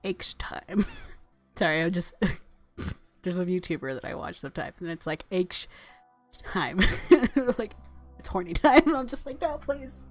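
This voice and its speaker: A let's play YouTuber with a lowish, lively voice reads visual novel narration aloud at an unhurried pace while game music plays. Her reactions are casual and playful, with giggly commentary.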